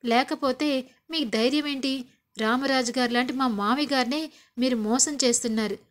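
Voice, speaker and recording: A woman's voice: sits high, moderate pace, natural voice. A woman voicing a clever young wife who answers back with cutting, indignant retorts. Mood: accusing. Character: clever young wife, proud and quick-witted.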